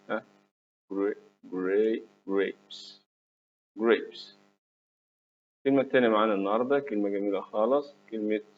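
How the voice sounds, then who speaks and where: A man with an Egyptian Arabic accent, teaching English words to children, saying each word for them to repeat and praising them. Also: on the low side. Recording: tinny phone-like recording with faint hum.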